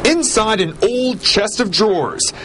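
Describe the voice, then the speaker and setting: An American man narrating a scripted television news report with a dramatic, deliberate storytelling delivery. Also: high-pitched, expressive, very noisy.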